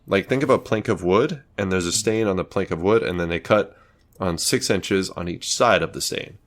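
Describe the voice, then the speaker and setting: A man working as game master, improvising tabletop narration in a casual, halting way. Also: sits low.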